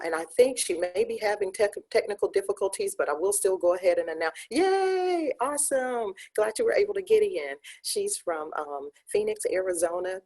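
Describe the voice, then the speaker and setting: Husky-voiced woman hosting graduation. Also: mid-range voice, a little mellow. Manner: upbeat, casual, filler-heavy. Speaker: ceremony host. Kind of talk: announcing graduates.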